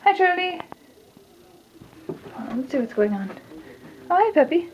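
Holding her phone camera at arm's length, a young woman vlogs an unhurried, rambling walk through her house, drifting into distracted asides as she moves between rooms. Her very high voice swings widely in pitch. Handling noise and muffling mark the phone recording.

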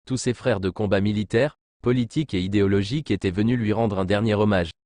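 A man with a fairly low, darkish voice reads a scripted news commentary at a quick pace and in a steady tone. His delivery is formal and literary, plainly read from a written text, and the recording is dry with no room sound.

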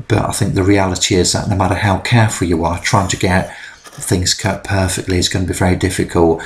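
A middle-aged man giving a chatty, explanatory voice-over about a DIY build, with frequent ums. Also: deep voice. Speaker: DIY vlogger. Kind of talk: instructional voice-over narration.

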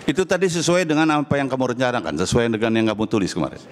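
A man's voice: medium pitch, very animated, rapid-fire. A man judging a comedy contest, asking probing questions with a joking edge. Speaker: talent show judge. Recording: noisy studio with crowd.

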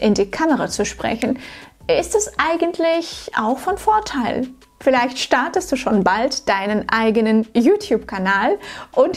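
A woman coaching German pronunciation in a scripted tutorial to camera, slow and clearly articulated, like a teacher. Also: on the high side.

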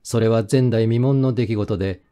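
An audiobook narrator reads a first-person mystery, his storytelling steady and measured. His voice is mid-range, clear, and resonant.

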